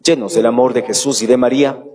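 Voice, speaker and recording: A man's voice: mid-range voice, fairly even intonation, quick pace, crowd noise. Solemn male priest, congregation around him. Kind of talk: liturgical prayer, blessing and parish announcement. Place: church during Mass. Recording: church congregation audible around voice.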